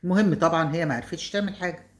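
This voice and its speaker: A woman's voice: fairly low pitch, rapid-fire. A woman with an Egyptian accent telling a story casually, chatty, with asides to her viewers. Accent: Egyptian Arabic.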